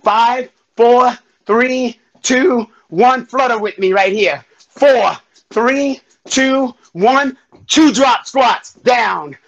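A man's voice: extremely high pitch, very slow, gravelly. A man leading a live home workout as fitness instructor, counting down reps, calling out moves and urging people on while breathing hard. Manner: energetic, calls out counts and encouragement.

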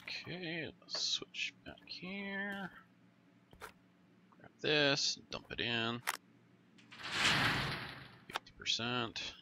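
A Canadian man running a gaming channel offers casual let's-play commentary, stuffed up and growly, thinking aloud and correcting himself. His fairly high voice has lively intonation and is gravelly and extremely slow, with frequent pauses. The background is noisy.

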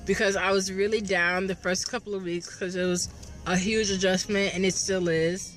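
A woman in a casual vlog update, speaking slowly and haltingly with new dentures, recording on a phone held at arm's length. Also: mid-range voice, steady tone. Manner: slow, halting, with many ums. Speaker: vlogger. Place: fast-food restaurant, indoors or parked outside.

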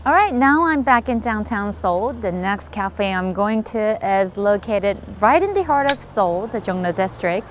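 Background music accompanies this travel video host, a woman in her twenties who strolls through streets and cafes for an upbeat vlog. Her mid-range voice has lively intonation, moving a little slowly with few pauses, and she's bubbly, exclaiming and gasping in delight.

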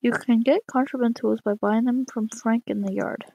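High-voiced excitable woman gaming. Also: moderate pace, vocal fry, no echo, lo-fi sound. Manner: excitable, reads game prompts aloud, calls out "bro". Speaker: gaming channel host. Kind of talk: live gameplay commentary.

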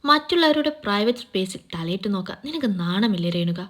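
A stern young husband, guarded and cold, as a woman narrator reads his lines. He speaks gravely and evenly, keeping his distance, at a plain middle pitch in a storybook reading. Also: expressive, fairly bright tone, natural voice. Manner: grave, measured, cool.

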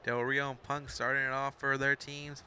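His voice barely moves in pitch, staying medium, but it's very bright and sharp, delivered at a moderate pace over a faint hiss. The young Mexican fan commentator rambles through loose play-by-play of a wrestling game storyline, interrupting himself with asides and corrections.

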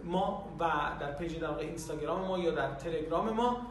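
A man giving an eager promotional pitch for a course, repeatedly calling his listeners dear friends. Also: a little hiss or hum. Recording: echoey room, voice far off.

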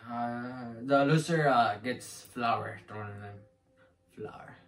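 A man chatting casually as a family vlogger, joking and bragging and sometimes turning loud. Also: medium pitch, takes it slowly, far from the mic, soft background music. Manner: boastful, joking, gets loud and over-enunciated. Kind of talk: casual chat.

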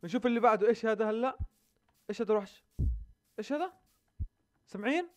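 A young man giving excited commentary over gameplay as a gaming YouTuber, repeating words and yelping whenever danger comes. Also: high voice, quick pace.

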